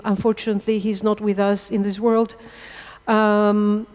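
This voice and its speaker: A middle-aged woman from Israel, a photographer, gives a public lecture from a stage, speaking haltingly and pausing to search for words. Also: medium pitch, a little mellow, clear, resonant tone. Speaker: architectural photographer giving a lecture. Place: lecture hall under stage lights. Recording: long hall reverb.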